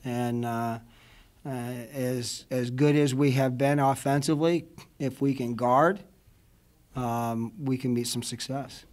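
A college basketball head coach in his fifties speaks at a postgame press conference, seated at a table mic in an indoor press room before a logo backdrop. His mid-range voice is steady, slow and somewhat dark, and he rambles emotionally with plenty of fillers like "you know what I mean."

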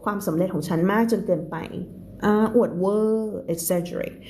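A woman teaching English on a live stream with a Thai accent. She reads English lines slowly and explains them quickly, laughing often. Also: fairly low pitch, warm tone, slight background noise. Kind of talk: live-streamed reading lesson.

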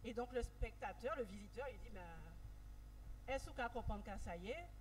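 A woman's voice: a little high, moderate pace. A woman moderating a live round-table, speaking into a handheld microphone and handing over to guests. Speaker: panel moderator. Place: dark event stage at an art fair. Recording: noisy live venue with long reverb.

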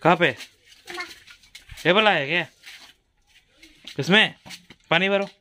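A man with a bright, forceful voice talks in a relaxed home vlog, coaxing his little daughter and repeating each question several times. A faint hiss of noise sits under his voice, recorded at home. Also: high voice, slow pace. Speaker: father filming his daughter. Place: home, indoors.

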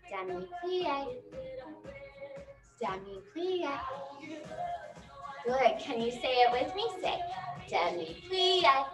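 A young adult woman teaching a children's dance class in a broad, singsong, encouraging kids' theatre manner, energetically demonstrating as she talks. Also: sits high. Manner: energetic, demonstrating moves while talking. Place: indoor dance studio, distant camera. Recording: echoey studio, distant mic, music behind.

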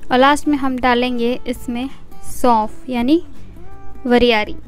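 A middle-aged woman hosting a cooking show, calmly explaining each recipe step and listing the ingredients one by one in a voice-over. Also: a little high, unhurried, soft background music.

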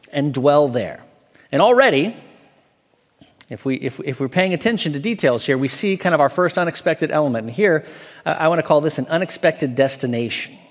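Man, 40s, associate pastor, measured scripture reading and sermon, church hall reverb. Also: on the high side. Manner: measured, reads aloud slowly from an open Bible. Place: church stage, large indoor hall.

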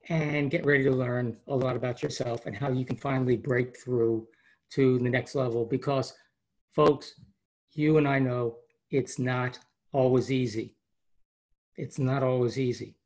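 Husky enthusiastic coach giving a webinar. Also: male voice, medium pitch, steady tone, moderate pace, a little mellow. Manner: enthusiastic, rambling, many restarts. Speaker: high-performance coach. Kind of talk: webinar presentation. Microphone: video call.

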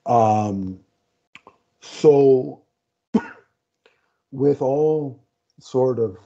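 Warm and mid-range, his voice stretches out its words as he co-hosts a laid-back podcast reviewing comics. He's at home on a video call with a headset, often groping for the right word, and the sound comes through dull and lo-fi.

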